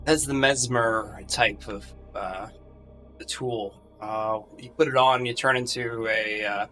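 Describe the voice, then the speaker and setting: A male player at a tabletop game talks in a bright, clear voice, stopping often to hunt for the right word. His speech is casual and loosely strung together, with faint music behind. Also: medium pitch, fairly even intonation, a little slow. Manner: hesitant, searching for words.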